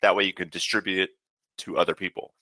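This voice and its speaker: Low, bright-toned male software trainer. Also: fast, dry recording. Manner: casual, steady instructional talk with frequent "uh" fillers. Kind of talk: webinar software walkthrough.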